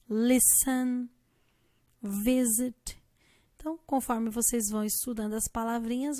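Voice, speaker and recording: A woman's voice: fairly high pitch, a little mellow, no room sound. A woman teacher with a Brazilian Portuguese accent, patiently explaining an English grammar lesson and spelling letters out one by one.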